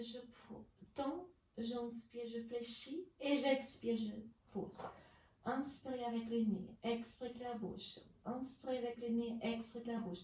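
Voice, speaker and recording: A woman leading a pilates class, calmly counting reps and giving breathing cues. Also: fairly high pitch. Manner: calm counting and breath cues, mixing in English phrases. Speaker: pilates instructor. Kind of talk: guided workout instruction. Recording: roomy, mic at a distance, faint background hiss.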